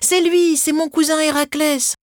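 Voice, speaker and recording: A woman's voice: high-pitched, little pitch movement, a little slow, dry recording, studio quality, voice pushed up. A woman doing an eager seven-year-old boy. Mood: excited.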